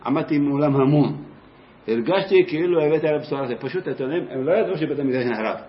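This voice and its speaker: A man, a teacher, telling a personal story in a lively first-person way, briefly acting out the voices of the people in it. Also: on the high side. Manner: lively, acts out voices in his anecdote. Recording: roomy, dull lo-fi sound.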